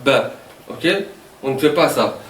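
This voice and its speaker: A Walloon man with a Belgian French accent teaches Arabic letters to a class, patient and joking, often checking in with "ok?". His medium-pitched voice moves at a measured pace, picked up from far off in an echoey classroom with slight background noise.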